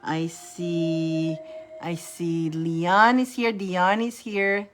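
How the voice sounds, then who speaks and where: A woman's voice: on the low side, little pitch movement, extremely slow. A bubbly, giggly woman hosting a tarot livestream, chatting casually with her viewers. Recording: light music in the background. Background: background music.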